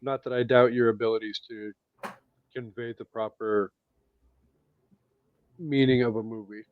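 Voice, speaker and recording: A man's voice: mid-range voice, fairly even intonation, dry recording, narrow, tinny audio. A man co-hosting a casual movie chat with dry, teasing remarks. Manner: dry, teasing, slow-spoken. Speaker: podcast co-host.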